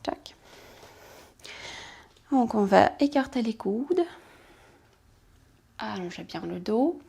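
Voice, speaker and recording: A woman instructor calmly guiding a pilates class, cueing movements and counting, with soft whispered asides. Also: on the high side, slow, gravelly, breathy edge. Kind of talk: guided exercise class instruction.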